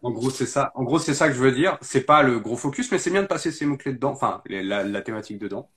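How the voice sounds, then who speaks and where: A man's voice: medium pitch, expressive, fast talker, fairly bright tone. Man explaining tools, hesitant. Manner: explains step by step, lots of hesitations. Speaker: SEO guest. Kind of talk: casual interview talk.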